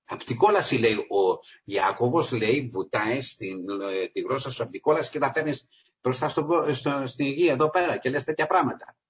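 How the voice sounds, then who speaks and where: A man preaching an informal sermon to his congregation, emphatic, jumping from loud stressed phrases to low asides. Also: husky. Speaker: lay preacher. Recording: dull lo-fi recording.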